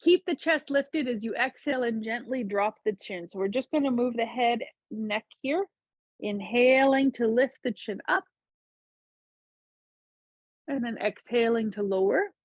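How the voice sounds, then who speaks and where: A gentle woman leads a chair yoga session, with a slightly high and soft, breathy voice. She guides the breath and movement in calm, unhurried cues. The recording is dry and a bit dull. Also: no echo. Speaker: yoga instructor.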